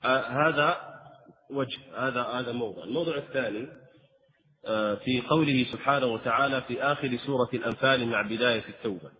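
A man teaching the rules of Quran recitation, explaining at a measured pace and breaking into slow, melodic recited examples. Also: mid-range voice, big-room sound. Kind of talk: tajweed lesson with chanted examples. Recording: slightly dull lo-fi sound.

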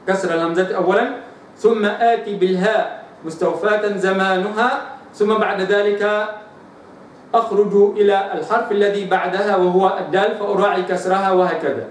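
A high-pitched Egyptian man gives a recitation lesson, repeating letter sounds slowly as drills. His voice rings in a very echoey room, heard from some distance with faint noise behind. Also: steady tone. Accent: Egyptian Arabic. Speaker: Quran recitation teacher.

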